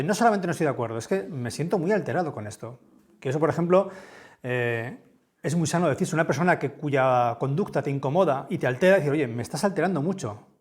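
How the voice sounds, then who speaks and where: A man from with a big, booming voice gives a conference talk in a lecture room, speaking conversationally and often checking in with his listeners. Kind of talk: conference talk with audience questions.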